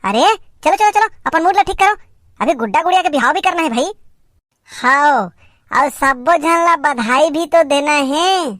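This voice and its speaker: A woman's voice: high voice, expressive, fairly bright tone, no echo, studio quality. A woman voicing playful village children in a cartoon, speaking with a Chhattisgarhi accent in teasing, giggly banter. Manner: teasing, giggly, quick back-and-forth banter. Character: playful bickering village kids staging a doll wedding. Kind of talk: cartoon comedy voice acting.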